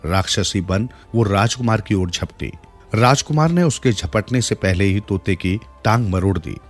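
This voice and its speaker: A man's voice: fairly low pitch, moderate pace. A man narrating a moral folk tale in a scripted storytelling style, changing his voice for the characters' lines. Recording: soft music bed behind the voice.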